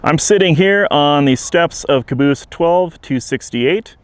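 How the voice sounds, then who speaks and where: A man speaking in an earnest, measured, plain-spoken way, giving an informal update to camera as a museum director outdoors. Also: a little high, clean tone, dry recording. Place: outdoors beside a trail, with traffic and wind. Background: traffic and wind.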